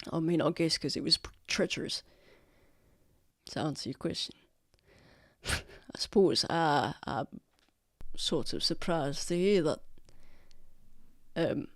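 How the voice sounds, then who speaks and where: A man's voice: a little high, no echo, studio quality. A man playing a sardonic orc veteran. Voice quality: gruff, sardonic, swears casually. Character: weary, blunt male orc veteran. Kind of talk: tabletop role-play in character.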